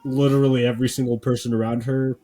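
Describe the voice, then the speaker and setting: A man co-hosting a podcast, talking casually with deadpan sarcasm and lots of filler words. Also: mid-range voice, fast talker, soft background music. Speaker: podcast co-host.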